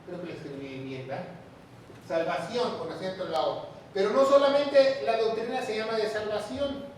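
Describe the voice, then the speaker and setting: A man's voice: high-pitched, moderate pace, darkish tone, slight background noise. A man preaching a Bible teaching sermon as pastor, emphatic, repeating key phrases and throwing rhetorical questions at his listeners. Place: church or large hall, with the sermon streamed online. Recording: very echoey room, voice far from the mic.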